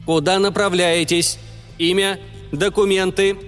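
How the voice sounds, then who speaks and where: A man voicing a booming, metallic old robot guard in a rigid monotone for an audiobook. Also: measured pace, clear, resonant tone. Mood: commanding. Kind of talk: audiobook reading. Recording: long reverb with faint music.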